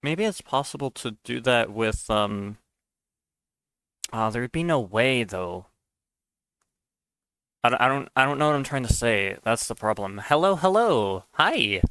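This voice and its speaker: A man's voice: mid-range voice, measured pace, pauses often, fairly bright tone, smooth, no room sound, studio quality. A man streaming live while he codes, rambling and stammering through casual chat and often saying "dude". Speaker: streamer and mod developer.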